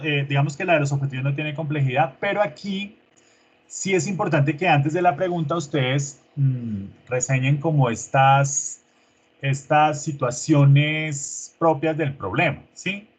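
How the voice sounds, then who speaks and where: A man with a medium-pitched, husky voice, a teacher, coaches his students through an online rehearsal. His manner is informal and coaxing, full of diminutives.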